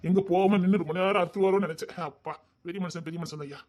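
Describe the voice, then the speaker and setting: Fast-talking Tirunelveli Tamil man. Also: fairly even intonation. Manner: teasing banter, jumping between high and hushed lines. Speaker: comedy sketch performer. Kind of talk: comic family sketch playing several relatives.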